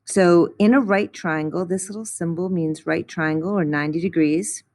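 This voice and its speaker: A woman with a fairly low voice teaches a recorded math lesson. She talks patiently and explains each step as she goes. The voice-over is close to the mic. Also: normal speed, a little mellow.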